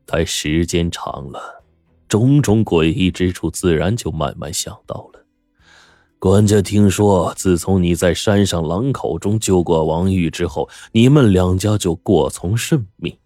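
A man's voice: deep voice, a little slow, warm tone, no echo, studio quality, soft background music. A man storyteller voicing a bitter, scornful rich old squire who speaks coldly and accusingly, in storytelling with acted dialogue. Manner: cold, mocking, accusing.

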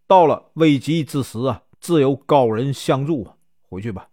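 A man voicing a supreme old male Taoist master who gives calm, measured instructions in a storybook telling. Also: medium pitch, no echo, studio quality, lightly acted. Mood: instructing.

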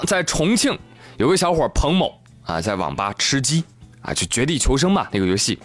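A man with a fairly high, somewhat bright voice hosts a comic news program set to background music. His commentary teases and exaggerates sarcastically, full of Chinese internet slang.

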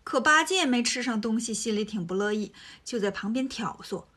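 A woman narrating a children's story in a lively, colloquial way. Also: a little high, moderate pace.

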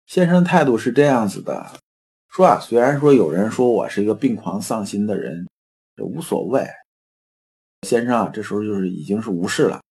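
A man with a low, slightly husky voice gives a storytelling lecture on classical philosophy. He talks in a loose, conversational way, drawing out particles at the ends of phrases and throwing in rhetorical questions. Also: lively intonation, moderate pace, darkish tone.

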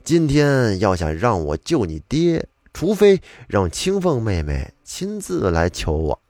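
A man's voice: fairly low pitch, wildly swooping pitch, unhurried, darkish tone, no room sound, clean studio sound, full character voice. A man as a proud, grudging young scholar.

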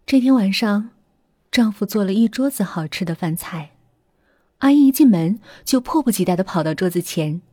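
A woman narrating a ghost story dramatically, slowing down and hushing at the tense moments. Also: medium pitch, expressive, no echo, studio quality. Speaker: storyteller host. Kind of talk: horror audiobook narration. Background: faint music.

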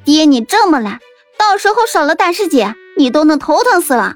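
A man voicing a feisty, bossy young daughter who snaps back with quick, scolding retorts in an audiobook. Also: extremely high pitch, sing-song, soft background music, voice pushed up. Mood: cocky, fierce.

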